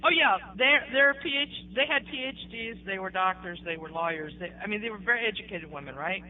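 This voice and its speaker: An American woman telling her conversion story in animated casual talk, often checking in with her listeners. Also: mid-range voice, brisk. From United States. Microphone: online voice-chat room microphone. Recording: tinny voice-chat line with faint hiss.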